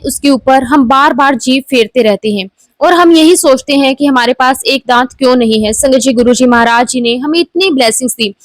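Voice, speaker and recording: A woman in her forties recounts her devotional experiences in an earnest storytelling manner, often calling out to her listeners. Her voice sits high. The recording is dry and close, with almost no room sound. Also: dry recording, rough recording. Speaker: devotee sharing a testimony. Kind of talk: devotional personal testimony.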